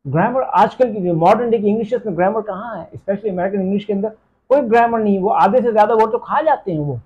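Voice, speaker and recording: A man's voice: high voice, fast, breathy edge, highs cut off. A man from Pakistan who teaches English, answering interview questions emphatically and slipping in English phrases. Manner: emphatic, mixes in English phrases, asks "theek hai?".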